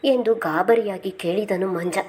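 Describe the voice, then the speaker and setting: A woman reads a family novel aloud in the steady voice of a storyteller. Her pitch sits in the middle range, and she takes on every character's lines herself, lifting her voice when a question turns anxious. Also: a little slow. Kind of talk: scripted narration of a family novel.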